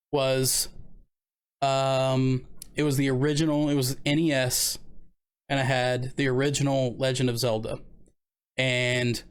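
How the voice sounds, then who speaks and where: A man's voice: mid-range voice, smooth. Rambling, laid-back man in his thirties. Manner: rambling, laid-back, many fillers and restarts. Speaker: streamer host. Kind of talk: casual live-stream chat.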